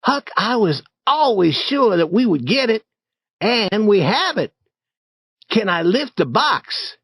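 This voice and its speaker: A man voicing a bold, eager boy who leads an adventure, in a raised, boyish pitch with lively storybook acting. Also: takes it slowly, slightly rough, full character voice. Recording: dry, slightly dull recording.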